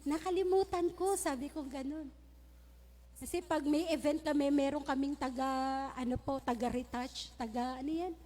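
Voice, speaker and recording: High-voiced woman pastor preaching in a hall. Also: fairly even intonation, normal speed, mellow. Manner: humorous storytelling mixed with Taglish preaching. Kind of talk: sermon. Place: church hall. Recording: long reverb of a church hall.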